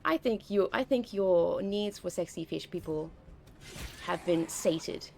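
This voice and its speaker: A woman's voice: fairly low pitch, a little slow, creaky, darkish tone, slight background noise. A young woman streaming a game, rambling and chatting casually as she plays, often breaking off mid-sentence. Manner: rambling, self-interrupting, chatty. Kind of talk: casual gameplay commentary.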